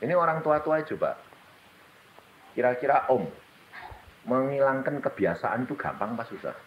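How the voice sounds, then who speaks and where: A man preaching a sermon, swinging between loud, high exclamations and low murmurs. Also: sing-song, normal speed, lo-fi sound, slight background noise. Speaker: evangelist preacher.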